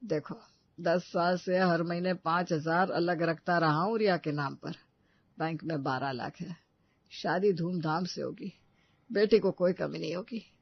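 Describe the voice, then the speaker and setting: A woman voicing a quiet, patient older father who speaks softly and calmly in a cartoon story. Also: lowish voice, a little slow, vocal fry, breathy edge, dry recording, lo-fi sound, exaggerated voice. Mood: gentle.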